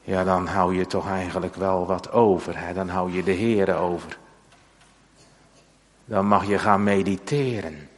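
A man preaches in a church, his low voice moving slowly and solemnly. He repeats phrases and lets long pauses hang in the air. The sound rings with the long reverb of a church hall. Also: steady tone. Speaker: pastor. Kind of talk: sermon.

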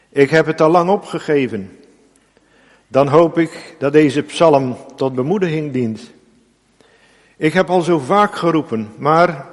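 A man preaching a sermon as pastor, earnest and deliberate, rising to emphatic appeals to the congregation. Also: fairly high pitch, long reverb tail. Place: church.

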